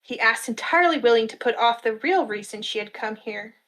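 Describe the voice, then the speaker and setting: A woman narrating a fantasy story in a steady storytelling manner at a live reading. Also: a little high, brisk, low-quality recording.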